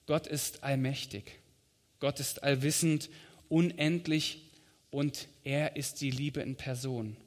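A man's voice: medium pitch, fairly even intonation, slow pace. Man preaching in a reverberant hall. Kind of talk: sermon.

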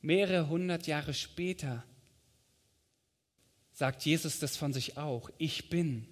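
A man preaching a sermon in a calm, measured way, giving weight to the scripture quotes he reads out. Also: on the high side. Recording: long hall reverb.

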